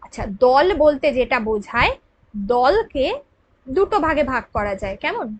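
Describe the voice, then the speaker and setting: High-voiced woman teaching grammar. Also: sing-song, dull audio, noisy background. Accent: Bengali. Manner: patient, explains slowly and checks in with listeners. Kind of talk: exam prep grammar lesson.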